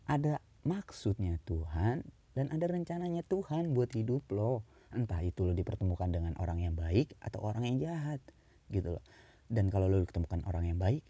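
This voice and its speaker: A young man talking casually to the camera, slangy and animated, sometimes jumping up high for mock pleading. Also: breathy edge, no echo. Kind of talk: casual monologue.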